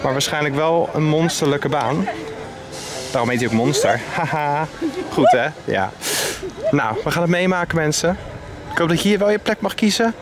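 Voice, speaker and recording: A young adult man vlogs from an amusement park, reviewing theme park rides and chatting casually and enthusiastically to his viewers, whom he addresses often. His voice is a little high with lively intonation at normal speed and long pauses. The handheld camera, held at arm's length outdoors, captures his audio under prominent background music.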